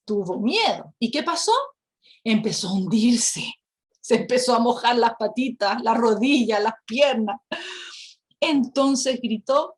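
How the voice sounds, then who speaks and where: A woman teaching a Bible lesson, telling the story with lively rhetorical questions and acting out the characters. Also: on the high side. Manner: acts out quoted characters.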